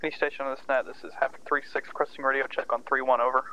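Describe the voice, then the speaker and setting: A man speaks over a helmet radio in clipped military procedure. He rattles it off very fast in an even tone, with clear noise and clicks on the net. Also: mid-range voice, lo-fi sound. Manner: clipped, formal radio phrasing. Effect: helmet radio transmission. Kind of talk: military radio procedure role-play in a game.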